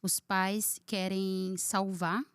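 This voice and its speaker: A woman's voice: mid-range voice, level tone, very slow, smooth, no room sound, studio quality. A woman hosting a podcast interview, adding reflective comments on her guest's story. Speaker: podcast host. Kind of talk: casual conversational interview.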